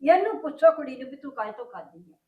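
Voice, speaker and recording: A woman's voice: high-pitched, animated, quick pace, roomy sound, distant mic, narrow, tinny audio. A woman playing a sarcastic, scolding grandmother in a family web drama.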